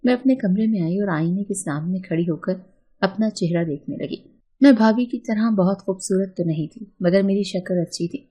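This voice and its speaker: Mellow, husky woman storyteller. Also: fairly low pitch. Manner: steady, plain read-aloud delivery. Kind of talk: first-person story narration.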